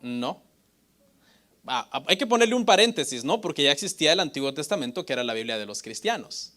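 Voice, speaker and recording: A male pastor teaching a Bible lesson with a bright, forceful voice that sits a little high for a man. He keeps putting questions to his listeners and answers them himself, tagging his points with "ok?" and "brother". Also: big pitch swings, brisk. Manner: often adds "hermano" and "ok?".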